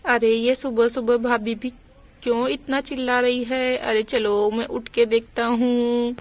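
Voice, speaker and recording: A woman's voice: a little high, little pitch movement, measured pace, close to an everyday voice. A woman voicing a young village man, a helpful brother-in-law who speaks eagerly and reassuringly, in a doll story role-play.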